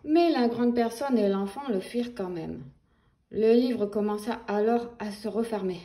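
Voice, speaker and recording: A young woman reads a children's storybook aloud, slowly and with plenty of play in her delivery. Her voice sits on the higher side, and she leans into the story's sound effects as she narrates. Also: dark tone. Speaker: children's book reader. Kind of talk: expressive read-aloud for children.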